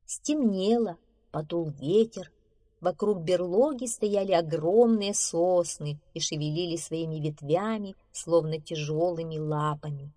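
A woman reading a children's story aloud in an expressive, animated storytelling manner. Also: sits low.

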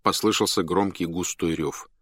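A man reading a story aloud as narrator, in an animated, dramatic manner that speeds up and slows down. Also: low-pitched, breathy edge, dry recording, studio quality.

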